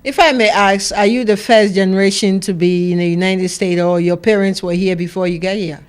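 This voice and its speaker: A woman co-hosting a talk show, playful and chatty. She asks questions and backs up her guest warmly. Her voice sits at a middling pitch. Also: fairly even intonation, a little fast, clear, resonant tone. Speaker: co-host.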